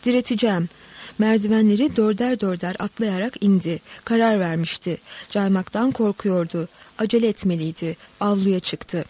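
A woman narrating a literary story in a steady, dramatic reading voice. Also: medium pitch, normal speed, hardly any pauses.

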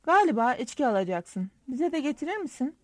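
Woman doing a snooty socialite, patronizing, raised pitch, dry close sound. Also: sing-song, a little fast, dry recording. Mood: condescending. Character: haughty condescending society woman.

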